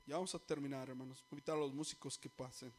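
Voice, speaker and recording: A male preacher giving a sermon, often asking the congregation questions and letting them finish his lines, then building up to louder, more urgent appeals. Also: medium pitch, steady tone, racing, noisy background. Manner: call-and-response questions to the congregation; grows louder and more urgent toward the end. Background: faint music.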